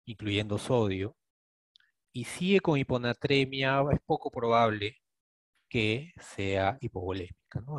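Peruvian-accented male doctor, mid-pitched teaching voice, dry close recording, methodical and questioning. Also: dry recording. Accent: Peruvian Spanish. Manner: explains step by step, often asks students questions with a rhetorical "¿no?". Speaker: attending physician teaching a case discussion. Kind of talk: clinical teaching, thinking aloud.

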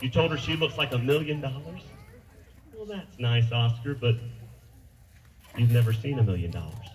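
A man's voice: medium pitch, animated, moderate pace, a little mellow, far from the mic, rough recording. Ventriloquist man playing straight man. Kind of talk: ventriloquist comedy act at a kids' camp.

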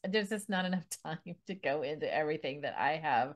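A woman hosting a relaxed podcast conversation. Her voice sits a little low, and she talks in a bubbly, chatty way. She laughs easily and often restarts her sentences. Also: brisk. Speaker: podcast host. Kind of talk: casual interview chat.

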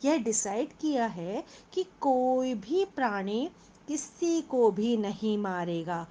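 A woman's voice: a little high, lively intonation, slow pace, warm tone, slight background noise. A woman voicing a cunning female fox who talks in a sugary, coaxing way in a children's story. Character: sly sweet-talking fox, female, cunning.

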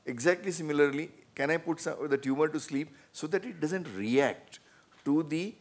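Older surgeon explaining on a panel. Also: male voice, fairly high pitch, moderate pace. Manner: earnest and explanatory, with sudden emphatic bursts. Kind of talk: panel discussion answering questions. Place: large auditorium stage. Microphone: handheld microphone.

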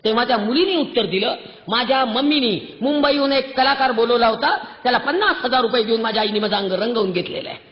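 A woman's voice: fairly high pitch, fast. Impassioned woman scolding in an echoey hall. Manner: scolding, exhorting, rising to near shouts. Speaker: public speaker addressing women. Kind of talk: impassioned public lecture. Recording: echoey hall, muffled sound.

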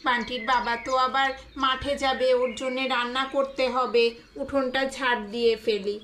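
A woman doing a busy young village mother in a doll-play story, bustling through her chores and muttering to herself. The voice sits high, and faint noise runs under it. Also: steady tone, moderate pace, fairly bright tone.

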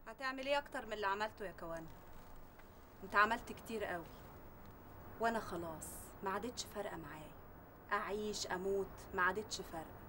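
A woman's voice: medium pitch, fast, pauses often, background noise, natural voice. An actress playing a defiant young woman held captive, speaking with an Egyptian accent, bitter and unbowed. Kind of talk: TV drama acting.

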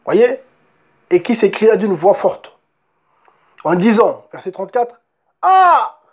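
High-voiced man preaching a sermon. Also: takes it slowly, a little mellow, husky. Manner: emphatic, keeps asking the listeners "voyez?"; repeats and restarts words as he preaches. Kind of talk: sermon with Bible reading.

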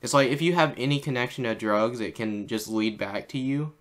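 A young man hosts a casual podcast rewatching cartoons, talking in a mid-range voice at a fairly quick clip. He's relaxed and loose, leaning heavily on fillers, and he leads the grading.

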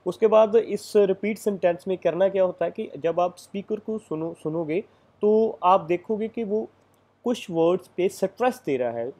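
A man's voice: sits high, mellow. A man giving a casual lecture as an exam coaching teacher, explaining step by step with frequent fillers.

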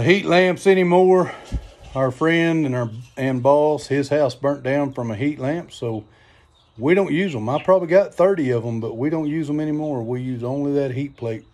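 A man's voice: medium pitch, darkish tone. A man, chatting folksy and casual while filming himself on a phone at a farm. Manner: folksy, chatty, says y'all. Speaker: homesteading vlogger. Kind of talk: casual how-to vlog. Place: farm barn and backyard outdoors. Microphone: phone camera at arm's length.

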